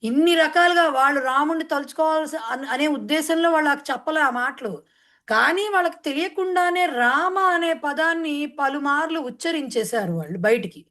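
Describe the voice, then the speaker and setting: A woman's voice: high-pitched, pushed and bright. Woman teacher chanting and explaining a verse. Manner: chants verse slowly, then explains in quick Telugu mixed with English. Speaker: Sanskrit teacher. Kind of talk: online class explaining a verse in Telugu.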